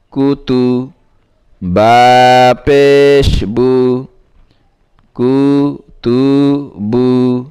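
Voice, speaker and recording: A male Quran reading teacher with a mellow, smooth, very clear voice. He drills syllables one at a time and at a very slow pace, then repeats each word over and over. Between drills he gives quick spoken instructions. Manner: brisk, lower-voiced asides explaining between drills. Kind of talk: slow syllable-by-syllable recitation lesson.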